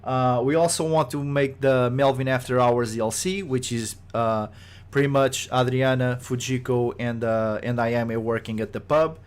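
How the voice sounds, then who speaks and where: A man's voice: medium pitch, fairly even intonation, moderate pace, clean tone. A man who develops games, giving a casual podcast update, rambling with many fillers and restarts and sounding exasperated at rumors. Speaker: game studio developer.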